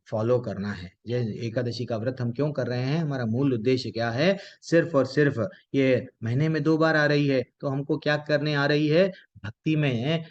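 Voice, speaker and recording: A man teaching a devotional class online. His voice sits at an ordinary middle pitch and comes through muffled, lo-fi call audio. He poses rhetorical questions and answers them himself. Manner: addresses listeners with devotional honorifics.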